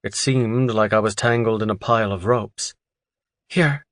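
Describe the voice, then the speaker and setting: A man narrating an audiobook in a steady, even first-person storytelling voice. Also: fairly low pitch, moderate pace, dry recording, studio quality. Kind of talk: scripted narration.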